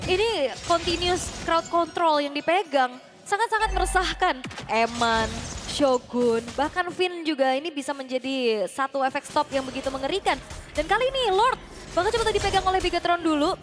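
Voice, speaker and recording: Female esports caster, Indonesian accent. High-pitched, flowing live match commentary with loud music underneath. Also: normal speed.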